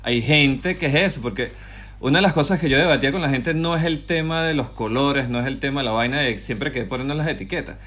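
A young man with a Venezuelan accent hosting a casual podcast, telling stories in lively street slang. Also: mid-range voice, fairly quick. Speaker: podcast host.

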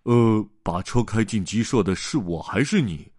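A man's voice: fairly low pitch, expressive, a little mellow, no room sound, clean studio sound. A man voicing a bumbling, cheerful doctor in a children's storybook, speaking hesitantly with many ers. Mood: flustered. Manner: slow and hesitant, full of ers. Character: scatterbrained cheerful old male doctor.

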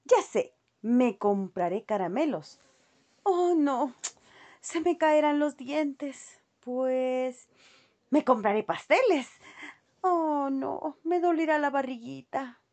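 Woman doing a fussy, easily scared little girl mouse, high and squealing, for a children's storybook reading. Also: expressive, darkish tone, exaggerated voice. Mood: dreamy. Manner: high squealing voice, drawn-out worried hesitations.

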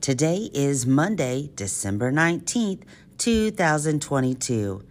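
An American woman hosting school morning announcements in a kindergarten teacher voice, reading scripted items for young children in simple, expressive phrases. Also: deep voice, measured pace.

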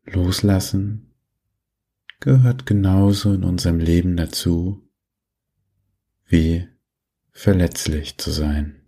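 Male meditation guide for sleep content: deep, soft and breathy, extremely unhurried, gentle and soothing. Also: steady tone. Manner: soothing, gentle instructions with long pauses.

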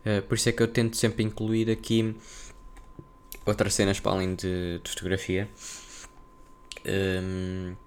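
Slight background noise sits behind a young man hosting a casual solo podcast in a lowish monotone at a measured pace. With a European Portuguese accent, he thinks out loud, rambling and dropping slang.

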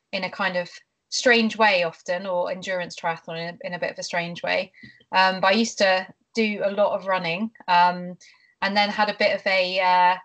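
A woman's voice: medium pitch, fairly bright tone. A woman, a nutritionist and triathlete, talking casually as an interview guest, hesitant with many fillers and restarts. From England.

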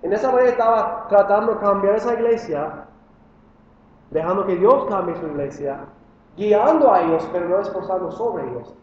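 A high-voiced male pastor preaches from a distance in a big, echoing hall with long reverb. The sound is dull and muffled, with a faint hiss underneath. He speaks earnestly and plainly, and his voice leaps up when he acts out quotes and asks questions. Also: lively intonation, normal speed. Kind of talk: sermon.

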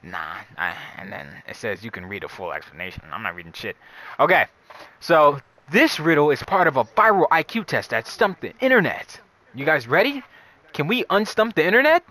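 A man's voice: a little high, big pitch swings, moderate pace, pushed and bright. A young man with a slangy, playful frat-bro manner, chatting casually and reading puzzles out to his friends. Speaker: riddle reader in a friend group.

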